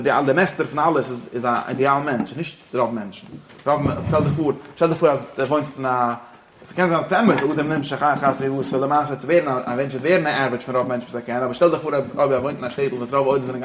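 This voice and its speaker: A man teaching a religious-philosophy lesson, talking rapidly and repeating himself, dropping English phrases into his explanations. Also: mid-range voice, noisy background. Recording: echoey room.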